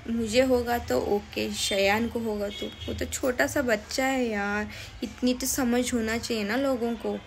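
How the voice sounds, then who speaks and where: Young woman vlogger, slightly high pitch, hesitant and upset delivery, faint ambience. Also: steady tone, a little slow, vocal fry, slight background noise. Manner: hesitant, upset, full of fillers and restarts. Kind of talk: casual vlog talk to camera.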